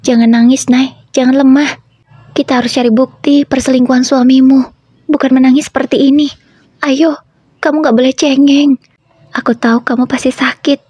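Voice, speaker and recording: A woman's voice: high-pitched, level tone, normal speed, dark tone, husky, no echo, studio quality, pitched above the performer's own voice. A woman voicing a blunt, protective young female friend who scolds and urges firmly, in a story reading. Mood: urgent, scolding. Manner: firm, scolding, urging.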